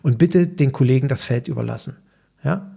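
A man's voice: mid-range voice, moderate pace, vocal fry, mellow, breathy edge. A middle-aged man, a personal trainer and mentor, hosting a motivational podcast monologue. He talks emphatically and keeps checking in with the listener with a short "Ja?".

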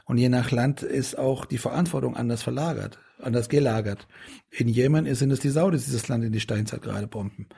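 A man's voice: medium pitch, brisk, creaky, dark tone, breathy edge. A middle-aged man in a casual interview, talking in a rambling way with many restarts and fillers. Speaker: politician guest.

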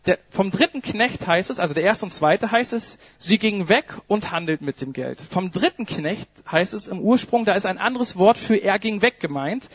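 A man's voice: high voice, expressive, normal speed, few pauses, fairly bright tone, slightly rough, no echo. A man preaching a sermon in a conversational way, asking the congregation questions and adding "ne?" often.

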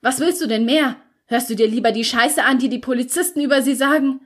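A woman's voice: lowish voice, steady tone, moderate pace, natural voice. A woman reading an audiobook, voicing a cool, sardonic teenage boy who is grieving his brother, with a dry, offhand delivery. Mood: agitated.

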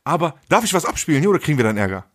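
Podcast co-host, man, husky voice, crude and blunt slang-heavy delivery. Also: a little high, very animated, racing. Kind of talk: casual podcast chat.

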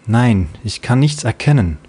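A man's voice: medium pitch, expressive, measured pace, a little mellow, breathy edge. A man voicing a patient mother who explains things in a soothing, doting way.

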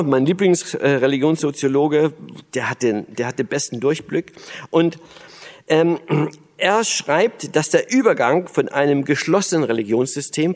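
A man from Berlin giving a lecture on the church, thoughtful, with many fillers and restarts. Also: fairly high pitch. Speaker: speaker on church and religion. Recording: long hall reverb.

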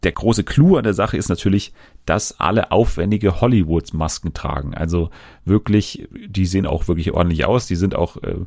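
A man with a very low voice hosts a relaxed chat, talking loosely with frequent fillers and restarts. His voice sounds dry and close, with almost no room around it. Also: moderate pace, no room sound. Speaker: podcast host. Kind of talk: casual chat about TV.

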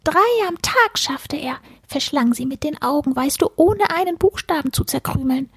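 A woman voicing an excitable, lisping little male creature that eats books, in a storybook reading. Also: normal speed, dry recording. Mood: chatty. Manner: high, gushing, savoring words.

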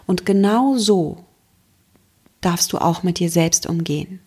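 Breathy, gentle German woman coaching. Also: on the low side. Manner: gentle and encouraging, speaks straight to the listener, slows for emphasis. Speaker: mindfulness coach and podcast host. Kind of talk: self-help podcast talk.

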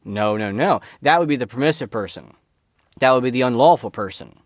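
A man's voice: mid-range voice, expressive, fairly quick, no room sound, studio quality. A man, a school director, giving an informal teaching talk with emphatic delivery and rhetorical questions.

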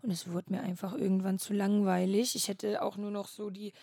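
A woman's voice: mid-range voice, a little fast, dry recording, studio quality. A woman, a rapper chatting casually as a guest in a hotel-room interview and laughing often. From Germany, Flensburg. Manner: relaxed, laughs often between phrases.

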